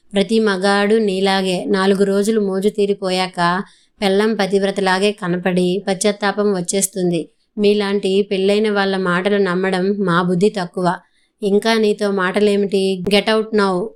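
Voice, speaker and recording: A woman voicing a sharp-tongued, quarrelsome young woman in a storybook reading, with a smooth, fairly flat voice. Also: mid-range voice, moderate pace, natural voice. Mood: scornful. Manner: scornful, quarrelsome.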